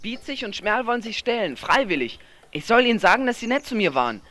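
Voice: medium pitch, sing-song, quick pace, fairly bright tone, dry recording. An actor voicing a chatty, boastful teenage boy in a radio play. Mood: cheeky. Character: chubby cheeky teenage boy, food-loving.

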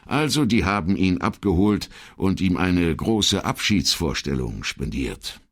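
A man's voice: low-pitched, big pitch swings, a little slow, heavily acted. A man voicing a middle-aged pathologist who speaks tersely and guardedly on the phone. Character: dry, curt male pathologist, middle-aged.

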